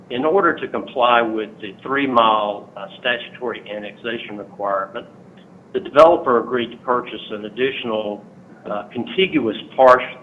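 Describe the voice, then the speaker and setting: A man calling in over the phone to make an earnest public comment at a hearing, reading from prepared notes with frequent "uh" fillers. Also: medium pitch. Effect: heard over a phone line. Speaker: resident speaking at a public hearing. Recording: tinny phone line with faint noise.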